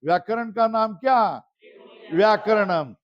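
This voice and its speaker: A man's voice: high-pitched, unhurried. A man teaching a Sanskrit grammar class, quizzing his students and chanting the terms back in a drill. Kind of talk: classroom lesson with question and answer drills. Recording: slightly dull lo-fi recording.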